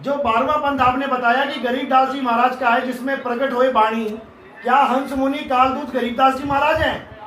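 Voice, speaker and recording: A man with a sore throat, speaking loudly and insistently in a live online religious debate. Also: extremely high pitch, steady tone, normal speed, echoey room, far from the mic, poor audio. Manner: loud, insistent questioning. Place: room with a loudspeaker.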